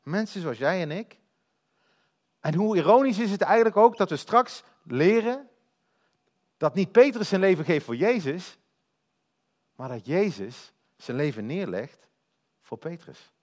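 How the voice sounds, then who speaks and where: A male preacher delivers a sermon as lively storytelling. His pitch sits a little high and swings widely, and he often addresses the listeners directly. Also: unhurried, pauses often.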